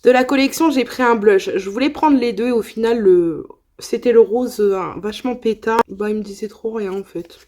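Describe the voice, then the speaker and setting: A woman's voice: fairly high pitch, normal speed, dark tone. A young woman chatting casually in a haul video, enthusiastic and full of asides and fillers. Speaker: beauty vlogger.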